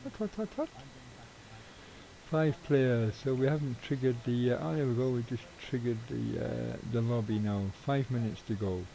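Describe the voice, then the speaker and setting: A man's voice: mid-range voice, steady tone, normal speed, vocal fry, few pauses, mellow, a little hiss or hum, poor audio. A middle-aged man streaming a game, chatting casually in a rambling way with offhand swearing. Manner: rambling, swears casually, chuckles at own jokes. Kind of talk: casual live-stream chat while gaming.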